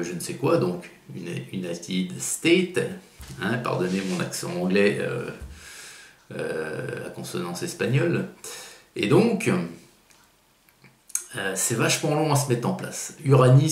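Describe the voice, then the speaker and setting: A very deep, gravelly male voice talks through a comic book review in a relaxed, halting way, with lots of hesitations and restarts. He keeps stressing that it is only his own taste. The room gives his voice a noticeable echo. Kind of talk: casual spoken review. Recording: roomy echo.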